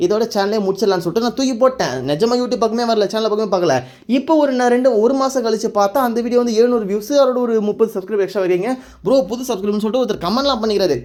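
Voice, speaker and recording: On his YouTube anime recap, a man with a high-pitched voice and darkish tone goes over the story informally. He rambles casually and mixes in English words.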